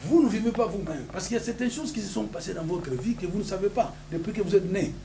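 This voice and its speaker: Un pasteur originaire du Congo, avec un congolais, prêche avec emphase dans une salle d'église et lance des alléluias à l'assemblée. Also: male voice, high voice, animated, quick pace, gravelly, warm tone. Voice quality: emphatic, repeats hallelujah to the congregation. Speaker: pastor. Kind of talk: sermon with call-and-response. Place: church hall. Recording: noisy church hall recording.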